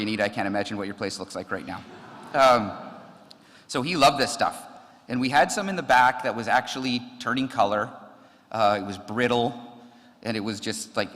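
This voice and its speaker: A firefighter giving a eulogy at a memorial service, telling funny stories about a colleague in a relaxed, conversational way. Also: male voice, lowish voice. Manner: conversational storytelling, frequent ums and laughs. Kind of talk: memorial tribute with anecdotes. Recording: long reverb of a large hall.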